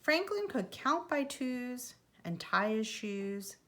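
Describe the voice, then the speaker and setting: A woman preschool teacher reading a children's storybook aloud in an expressive, deliberate way. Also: on the high side. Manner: animated, deliberate delivery for young children.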